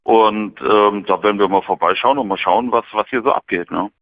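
A man calling in over the phone from a hotel room, chatting in a relaxed, storytelling way. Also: fairly low pitch, normal speed, no echo. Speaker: caller. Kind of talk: casual chat. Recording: tinny phone line.

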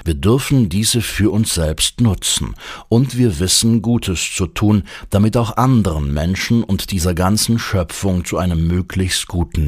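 Deep, husky man reading a devotion. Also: no room sound. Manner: calm, measured reading of scripture and reflection. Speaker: devotional reader. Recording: dry close studio sound.

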